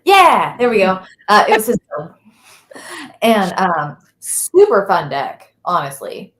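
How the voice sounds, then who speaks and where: With a medium-pitched, slightly bright voice, she talks slowly and lets her pitch swing widely. She's a co-host on a live podcast, chatting casually and rambling as she looks for words, captured with a roomy echo.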